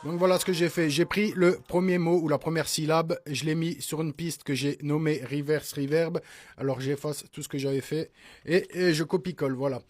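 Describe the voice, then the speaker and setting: Man, casual tutorial, slightly high voice, dry close sound, talks straight to viewers, keeps checking in. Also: steady tone, moderate pace, dry recording. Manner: chatty, peppers speech with "hein" and "d'accord?"; addresses viewers as "les gars". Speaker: music production tutor. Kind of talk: casual screen-recorded tutorial.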